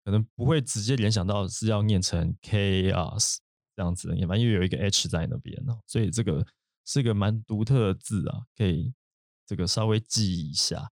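A man's voice: on the low side, brisk, darkish tone, no room sound, studio quality. A man hosting an English vocabulary lesson, explaining at length with fillers and asides. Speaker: podcast host.

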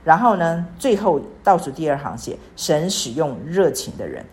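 A woman in her sixties speaks with a low, grounded voice. She teaches in an earnest, pleading way, repeating her phrases as she builds toward prayer. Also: big pitch swings, moderate pace, darkish tone. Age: 60s. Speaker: church speaker. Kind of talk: devotional teaching.

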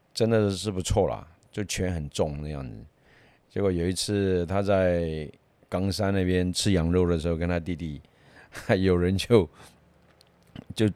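Middle-aged man from Myanmar, martial arts teacher; deep voice, casual anecdotal chat, dry close sound. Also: no echo. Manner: lively anecdotal, chuckles often, many fillers. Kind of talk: casual storytelling.

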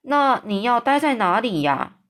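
A woman voicing a huge, gentle, friendly male giant in a storybook read-aloud, talking in a raised, fussy, complaining tone. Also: on the high side, sing-song, measured pace. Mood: kindly.

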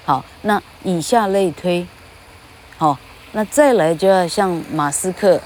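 A woman's voice: lowish voice, darkish tone, slight background noise. An older woman, a retired English teacher giving a casual spoken monologue, speaking of herself in the third person and tagging her phrases with little "ha" sounds.

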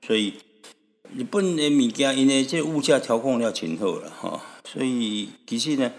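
A man from Taiwan hosting a radio show, telling stories in a rambling, relaxed way with frequent chuckles and tag particles. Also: deep voice, in a large hall. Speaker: radio host. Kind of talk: chatty radio storytelling. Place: radio studio.

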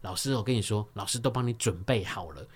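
A man with a Taiwanese Mandarin accent playing a sly schoolteacher who coaxes with drawn-out phrases, as he retells a story in a radio studio. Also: on the low side, pitched below the performer's own voice, natural voice. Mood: apologetic.

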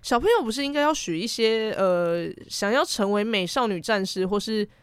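A woman's voice: medium pitch, lively intonation, moderate pace, clean tone, no room sound. A young adult woman with a Taiwanese Mandarin accent, co-hosting a podcast in casual chat. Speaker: podcast co-host. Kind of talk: casual chat about anime and pop culture.

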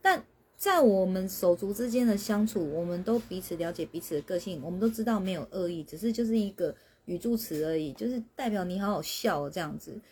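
A woman, a spiritual teacher on a livestream, explaining patiently as her phrases trail off softly. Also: on the low side, fairly quick, hardly any pauses, slightly rough. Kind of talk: livestreamed talk answering questions.

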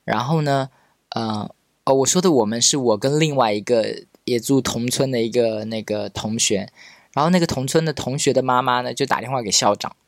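Man, mid-pitch, hesitant self-mocking storyteller, casual monologue, dry room. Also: moderate pace, no room sound. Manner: hesitant, many restarts and fillers, self-mocking. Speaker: podcast host reading his old diary.

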